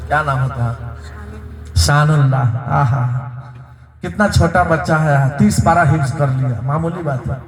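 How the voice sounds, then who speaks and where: A man with a Bhojpuri accent announcing donations at a religious gathering, lively and breaking into loud sung verses. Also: a little high, unhurried, echoey room. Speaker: madrasa event fundraiser announcer. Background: crowd.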